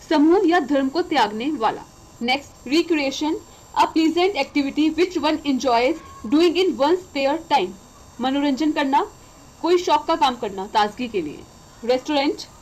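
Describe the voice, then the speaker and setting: An Indian woman teaching English vocabulary, reading definitions slowly and explaining them in Hindi. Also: high voice, a little hiss or hum, low-quality recording. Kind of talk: vocabulary lesson.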